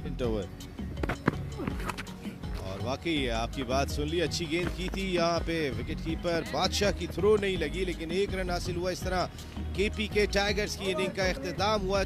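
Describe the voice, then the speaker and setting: A man giving emphatic, excited live cricket commentary. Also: sits high.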